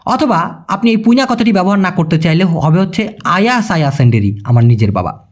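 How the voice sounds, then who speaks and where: Lively, high-voiced Bangladeshi man teaching. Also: fairly quick. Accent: Bangladeshi Bengali. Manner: chatty, addresses viewers as brother, checks understanding. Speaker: language teacher. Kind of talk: casual video lesson.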